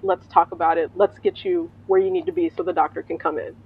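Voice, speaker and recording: A woman's voice: fairly low pitch, quick pace, husky, narrow, tinny audio. A woman telling a personal story in casual spoken style, acting out the voices of the people in it and laughing often. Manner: animated, acts out quoted voices, laughs often. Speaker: storyteller, veterinary technician.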